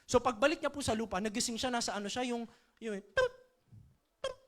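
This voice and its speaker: A man leading a seminar for an audience, telling a comic story in a playful, animated way and drawing the crowd in. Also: very high-pitched, brisk. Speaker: motivational trainer. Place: training event before an audience.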